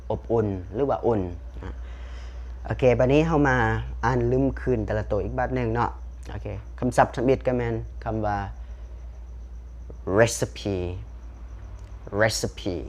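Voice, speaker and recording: A man with a Lao accent teaching English pronunciation, repeating each word slowly and clearly. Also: medium pitch, steady tone, darkish tone. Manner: switches to slow deliberate English at the sign-off. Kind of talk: pronunciation lesson.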